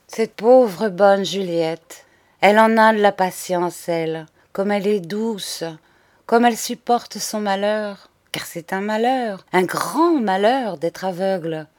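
A woman's voice: medium pitch, slow, lightly acted. A woman voicing a defiant, cheeky poor young boy who talks back boldly. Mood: brooding.

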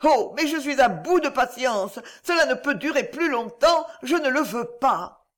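Man doing a proud young wife, high-pitched, tearful, impassioned, swooping voice, storybook reading. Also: lively intonation, measured pace. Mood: anguished.

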